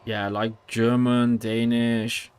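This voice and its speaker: A man's voice: mid-range voice, little pitch movement, slow, clean tone. A young Dutch man with a Dutch accent, chatting casually while streaming a game, rambling with fillers and restarts. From Netherlands. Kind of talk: casual gameplay chat.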